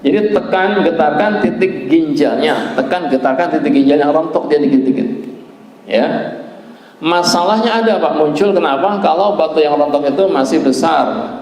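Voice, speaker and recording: A man's voice: a little high, moderate pace, darkish tone, very echoey, long reverb tail, poor audio. A man leading a training course, talking straight to a seated class, quizzing them and ending many lines with "ya" and "Pak". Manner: talks to the class directly, asks them questions and tags many lines with "ya" and "Pak". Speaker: trainer of a back-pressure therapy course.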